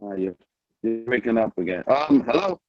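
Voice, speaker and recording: A man's voice: expressive, moderate pace, a little mellow, highs cut off. A man chairing an online meeting, casual and hesitant, his audio breaking up on a weak video call connection. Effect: breaking-up video call audio on low bandwidth. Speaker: committee chair. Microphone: computer on a video call.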